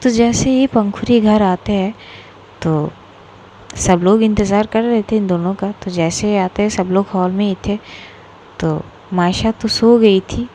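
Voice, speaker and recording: A woman's voice: medium pitch, steady tone, unhurried, mellow, slight background noise. A woman from Bangladesh with a Bengali accent, narrating a serialized romance story in a casual, filler-heavy way.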